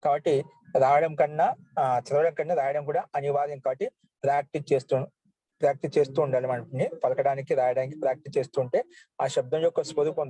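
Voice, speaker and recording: A man teaching Sanskrit grammar, slowly reciting verb forms one by one. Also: a little high, mellow, no room sound, low-quality recording. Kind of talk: online class lesson.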